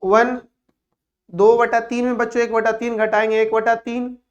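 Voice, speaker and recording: Male math teacher, slow and playful, lo-fi sound. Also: extremely high pitch, flat delivery. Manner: playful, teasing asides between calculations. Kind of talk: classroom lecture.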